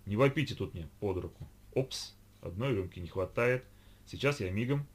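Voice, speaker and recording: A man's voice: fairly low pitch, expressive, moderate pace, slightly rough. A man reading a storybook, voicing a cheerful young man who keeps urging everyone to drink. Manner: cheerful, coaxing. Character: jovial young man, pushy drinking buddy.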